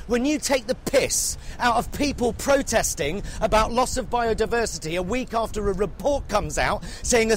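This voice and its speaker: A furious, foul-mouthed English reporter, played by a man tears into his targets in a comedic rant. The voice sits high and strains with sarcasm, breaking into shouts. A faint hum of noise lies under it. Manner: angry, sarcastic, swears heavily, shouts at times. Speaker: satirical reporter character.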